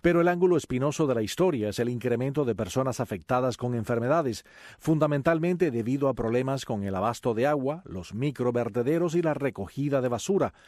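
A man's voice: mid-range voice, a little mellow, no room sound, studio quality. A male reporter narrating a news report with a wry, ironic tone.

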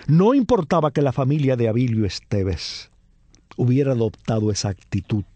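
A man explaining a literary text to an audience. He talks to his listeners directly, asks rhetorical questions and answers them, and slows down to stress key phrases. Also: fairly low pitch, dark tone, husky, dry recording. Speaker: literary commentator.

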